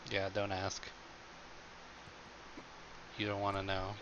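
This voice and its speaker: A man's voice: sits low, monotone, takes it slowly. A man playing in a tabletop game, speaking in a dry, matter-of-fact way. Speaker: player. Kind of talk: tabletop role-play chat. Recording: dull mic with clear hiss.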